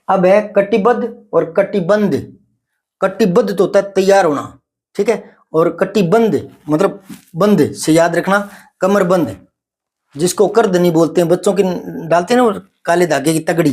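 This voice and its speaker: A man's voice: high voice, darkish tone. A man teaching a Hindi vocabulary lesson, explaining paired words patiently and checking in often with his students. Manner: explanatory, drawn-out contrasts, frequent "ठीक है" check-ins. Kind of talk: spoken grammar lesson.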